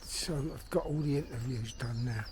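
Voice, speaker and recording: Out walking in a park, a middle-aged man from London, a vlogger and filmmaker, talks to himself in a blunt, sweary, rambling casual monologue. He speaks at medium pitch and a moderate pace with a darkish tone, while birdsong and outdoor ambience fill the background.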